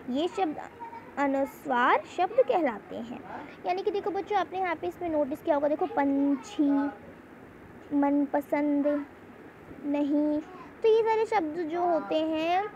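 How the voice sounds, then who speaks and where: A woman's voice: high voice, creaky, darkish tone. A young woman teaching a Hindi lesson to children online, often repeating points and checking in with "theek hai". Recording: slightly dull home recording, faint hiss.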